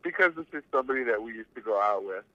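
A man's voice: mid-range voice, expressive, racing, crowd noise. A man calling in over a phone held on speakerphone, chatting casually and swearing freely. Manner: laid-back, swears freely. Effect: heard over a phone on speakerphone. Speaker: caller. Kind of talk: casual chat. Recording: muffled speakerphone call.

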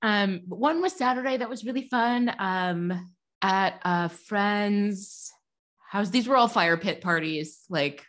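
A woman's voice: mid-range voice, takes it slowly. A woman co-hosting a podcast, chatting casually and acting out bits of her stories in silly voices. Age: adult. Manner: animated storyteller, acts out bits in silly voices. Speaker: podcast co-host. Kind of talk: casual chat.

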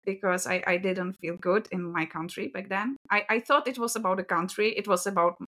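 A woman with a Czech accent answers podcast questions in English, her second language. She laughs often and pauses on fillers as she searches for words. Her voice sits at an ordinary pitch for a woman. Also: fairly even intonation, sharp tone. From Czech Republic. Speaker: podcast guest. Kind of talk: casual interview answers.

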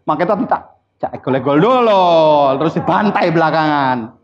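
Blunt, animated seminar speaker. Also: male voice, fairly high pitch, a little fast. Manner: blunt, teasing, quizzes the audience. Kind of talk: live motivational seminar talk. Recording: dull lo-fi recording.

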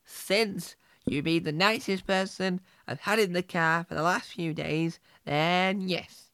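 A man voicing a blunt, laconic male taxi driver, speaking quietly and curtly. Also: sits high, fairly even intonation, slow, smooth, dry recording, studio quality, exaggerated voice. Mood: matter-of-fact.

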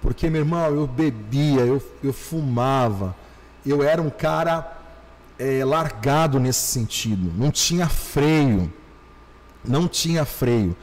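A male pastor telling his conversion story on a podcast, animated, slowing down and repeating phrases for emphasis. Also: mid-range voice, big-room sound. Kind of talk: podcast testimony.

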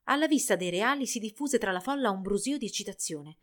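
A woman reading a fairy tale aloud in an expressive storybook narration. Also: mid-range voice, fairly quick.

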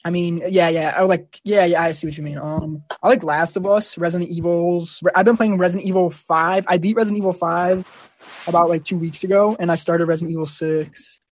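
Young guy w a lighter higher voice, dry close sound, blunt slangy gaming chat. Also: fairly even intonation, fairly quick, no echo. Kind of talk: casual group chat about video games.

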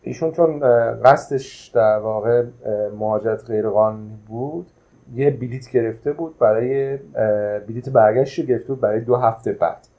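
A man's voice: mid-range voice, dark tone, dull audio. A man who manages a traditional hotel, casually recounting a travel memory with many hesitant filler sounds.

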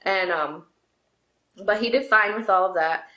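A woman's voice: mid-range voice, unhurried. A woman co-hosting a casual podcast, telling a story animatedly and acting out the people in it. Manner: animated storyteller, acts out quoted voices. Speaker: podcast co-host. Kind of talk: casual chat. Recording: echoey room.

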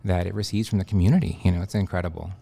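A man in his thirties from Texas, with a notably low, deep voice, speaks as a radiation oncologist guest on a podcast. He answers earnestly, pausing often with fillers and restarting his phrases. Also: steady tone, vocal fry, mellow. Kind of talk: conversational interview answers.

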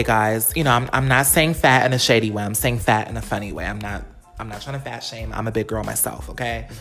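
A woman hosting her own podcast, chatting casually in a profane, animated, rambling way. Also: low voice. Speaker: podcast host. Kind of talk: casual chat. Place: Los Angeles.

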